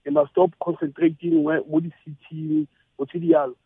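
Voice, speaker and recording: A man's voice: a little high, level tone, breathy edge, no room sound. South African Setswana male caller, tinny phone. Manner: halting, repeats words. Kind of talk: earnest spoken opinion, mixing languages. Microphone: telephone. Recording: narrow, tinny phone line.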